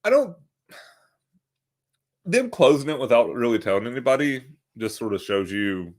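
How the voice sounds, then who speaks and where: A man co-hosting a casual live Q&A stream, talking in a shy, halting way with lots of fillers. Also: mid-range voice, big pitch swings. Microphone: streaming mic.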